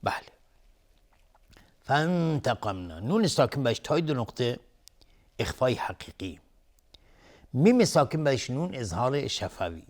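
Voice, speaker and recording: Speaking with a Persian accent, a man calmly explains the rules of Quran recitation before chanting verses slowly. His voice sits in the mid range.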